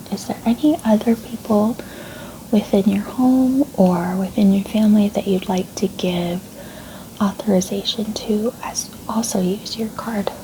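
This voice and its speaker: Soft whispering woman, librarian role-play. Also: medium pitch, a little hiss or hum, poor audio. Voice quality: soft-spoken, breathy near-whisper. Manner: polite, reassuring, gentle customer-service phrasing. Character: gentle, helpful female librarian. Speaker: ASMR creator playing a librarian.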